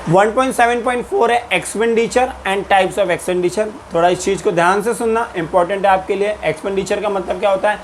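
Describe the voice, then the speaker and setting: High-voiced teacher explaining accounts. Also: male voice, normal speed, few pauses, slight background noise. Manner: explains in Hindi mixed with English terms, repeats and quizzes. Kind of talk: recorded lecture.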